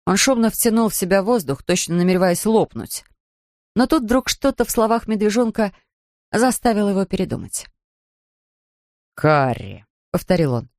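A man reading a children's storybook aloud in a calm, measured way. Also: high-pitched, no echo, studio quality. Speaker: narrator. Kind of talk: audiobook narration.

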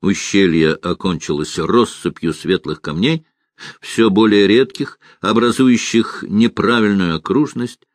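A man narrating a fantasy audiobook in an expressive, unhurried storytelling manner. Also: lowish voice, dry recording, clean studio sound.

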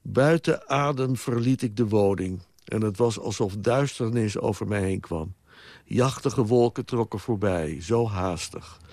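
Slow, solemn male poetry reader. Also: on the low side, darkish tone, dry recording, clean studio sound. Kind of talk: poetry recitation.

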